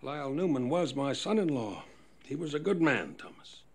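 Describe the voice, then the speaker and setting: An actor playing a stern, disappointed old patriarch, measured and reproachful, in a period film drama. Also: male voice, fairly high pitch, sing-song, creaky, husky, heavily acted. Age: older. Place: indoor room.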